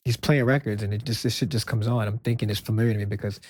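Soft-spoken man spinning a story. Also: fairly low pitch, quick pace, husky, dry recording. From Brooklyn, New York. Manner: animated storyteller acting out quoted dialogue. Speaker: music executive guest. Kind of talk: storytelling interview answers.

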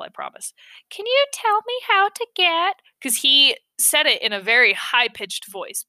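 Slow, bright-voiced woman podcaster. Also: mid-range voice, no room sound. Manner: frequent ums and uhs, offhand asides; blunt, swears casually. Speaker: podcast host. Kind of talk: casual true-crime storytelling.

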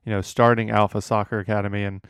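Young male host, fast and smooth, low voice, dry sound. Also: level tone, no echo. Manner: eager, with stumbles and "uh". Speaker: podcast host, intern. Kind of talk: casual interview.

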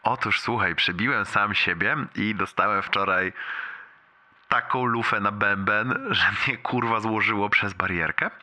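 A man's voice: fairly low pitch, a little slow, bright, forceful tone. A young man leaving a casual, rambling, sweary voicemail for a friend, amused and wincing in pain as he talks. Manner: rambling, colloquial, heavily sweary storytelling.

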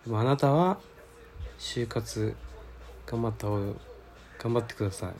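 A man's voice: mid-range voice, moderate pace, a little mellow. A man hosting a casual solo radio-style show, reading listener mail and talking in a rambling, laid-back, slangy way while searching aloud for his words.

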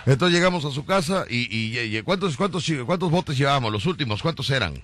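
A man with a Mexican accent hosting a casual radio show, telling stories in an animated way and acting out the quotes. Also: medium pitch, quick pace. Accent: Mexican Spanish. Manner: animated storytelling, acts out quotes. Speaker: radio host.

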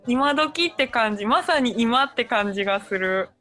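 Chatty Kansai woman, slightly high voice. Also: lively intonation, a bit bright, faint music behind. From Kobe, Japan. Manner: friendly, curious, quick back-channel replies. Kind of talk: casual chat.

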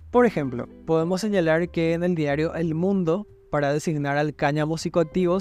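A man from Paraguay hosts an educational podcast, walking listeners through terminology in an unhurried, explanatory manner. His voice sits a little high for a man, and he keeps checking in with short tag questions. Soft guitar music plays faintly behind him. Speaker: podcast host.

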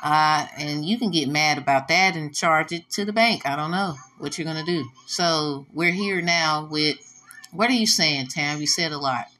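Woman, vlogger, casual monologue, blunt, profane, bright tone. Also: deep voice, moderate pace. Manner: blunt, profane, preachy and rambling.

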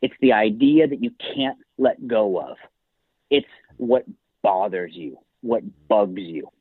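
A man's voice: on the low side, animated, takes it slowly, slightly rough, dry recording. A male author talking as a podcast guest, telling stories in an emphatic motivational-speaker way, heard over a tinny, phone-like line. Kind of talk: podcast interview.

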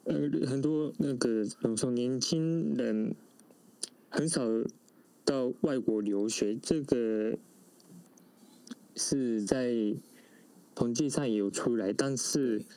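Male interview guest, native Japanese speaker, Japanese accent, medium pitch, halting conversational answers. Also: expressive, dark tone, low-quality recording. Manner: halting, searching for words.

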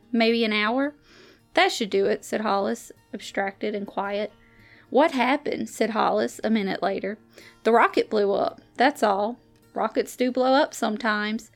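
Library reader, female, slightly high and gravelly, acts out dialogue, soft music under. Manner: lively character voices in dialogue, pitch rising for shouts. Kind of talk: reading a short story aloud.

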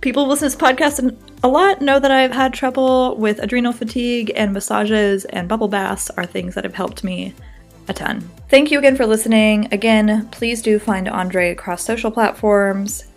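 A woman's voice: a little high, fairly even intonation, normal speed, soft background music. A woman hosting a podcast, reading ads and chatting casually with a guest in an upbeat way. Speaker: podcast host. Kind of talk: casual podcast chat and ad reads. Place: home in Brooklyn.

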